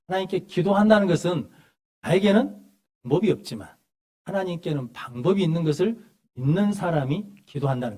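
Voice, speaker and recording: A male pastor preaching a sermon in a church, asking the congregation rhetorical questions and reading scripture slowly with emphasis. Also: a little high, darkish tone. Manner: asks the congregation rhetorical questions and answers them. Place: church sanctuary.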